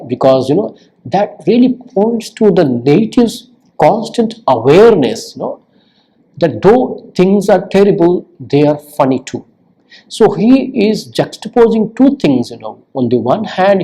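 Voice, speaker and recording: A man giving a recorded literature lecture, explaining slowly, repeating words for emphasis and filling pauses with "you know" and "uh". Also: on the high side, dark tone, breathy edge, poor audio.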